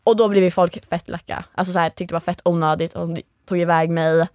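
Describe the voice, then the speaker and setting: A woman's voice: fairly low pitch, no room sound, clean studio sound. A young woman, a guest in an interview, telling a story with lots of energy and acting out what other people said. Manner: animated storytelling, acts out quoted lines. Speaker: guest, former reality show contestant.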